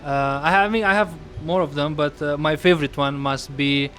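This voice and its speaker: Slightly high-voiced man, halting casual talk. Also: fairly even intonation, a bit bright, soft background music. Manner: halting, searching for words. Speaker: podcast co-host. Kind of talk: casual chat.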